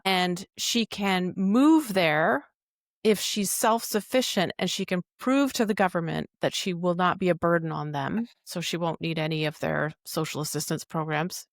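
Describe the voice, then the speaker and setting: A woman's voice: on the low side, dry recording, studio quality. A woman co-hosting a podcast, chatting casually and explaining what she looked up in detail. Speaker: podcast co-host. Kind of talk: casual recap chat.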